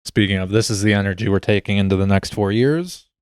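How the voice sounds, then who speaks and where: Low-voiced joking man, dry recording. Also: fast talker, clear, resonant tone, no room sound. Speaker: podcast co-host. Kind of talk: casual chat.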